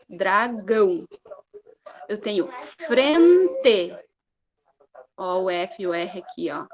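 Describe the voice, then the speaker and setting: A woman's voice: medium pitch, lo-fi sound. A Brazilian woman teacher giving a recorded lesson, stretching out syllables and checking in with her students as she goes. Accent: Brazilian Portuguese. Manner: slow, drawn-out syllables with frequent "né?" and "tá?" checks.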